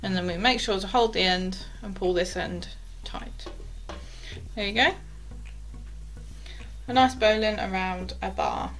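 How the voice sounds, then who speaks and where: Speaking a little slowly and pausing often, a young sailing instructor with a mid-range voice walks through tying knots in a chatty, step-by-step way. She makes quiet asides as she works the rope, recorded close to a camera in a small wooden cabin.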